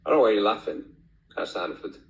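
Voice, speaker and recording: Bloke chairing a council meeting, lowish voice, firm, muffled and echoey. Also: male voice, sing-song, very fast, vocal fry. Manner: firm, insistent. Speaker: committee chair. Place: indoor council meeting room.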